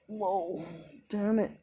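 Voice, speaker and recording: Tired woman venting to camera in a hotel room, keeps clearing her throat, goes over the same points again. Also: mid-range voice, a little mellow. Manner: aggrieved, repetitive, frequent throat clearing. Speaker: vlogger. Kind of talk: casual monologue to camera.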